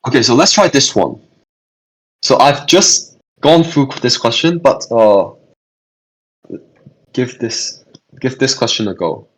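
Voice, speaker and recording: Husky-voiced young man tutoring online. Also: mid-range voice, animated, takes it slowly, long pauses, low-quality recording. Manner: hesitant, repeats and restarts phrases, answers chat questions. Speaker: student tutor hosting a revision session.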